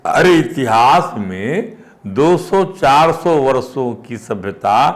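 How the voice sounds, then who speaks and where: A man's voice: mid-range voice, expressive, slow. An older man giving a spiritual discourse, repeating phrases and rising with emphasis on key points.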